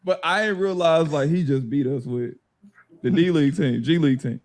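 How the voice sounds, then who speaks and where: A man telling a basketball story in casual chat, laughing and acting out teammates in loud high voices. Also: normal speed. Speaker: former pro basketball player telling a story. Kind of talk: animated storytelling.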